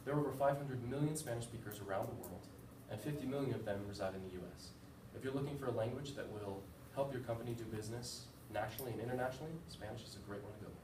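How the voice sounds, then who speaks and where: With a medium-pitched voice, this young US man talks rapid-fire and barely pauses. He gives a relaxed, informative class presentation containing a few fillers and self-deprecating asides, heard from a distance in an echoey room with noise behind him.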